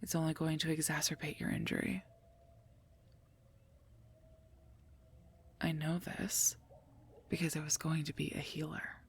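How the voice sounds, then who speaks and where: She voices a stern werewolf knight guarding the listener in a whispered ASMR roleplay, breathy and formal, right up against the microphone. The delivery is low, level, brisk, and heavily acted, earnest and gently scolding, with a serious, urgent feel.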